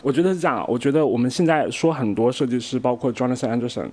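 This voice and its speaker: A man's voice: mid-range voice, racing, darkish tone. A man in casual discussion, questioning and argumentative, with a slight lisp and leaking air from the braces on his teeth.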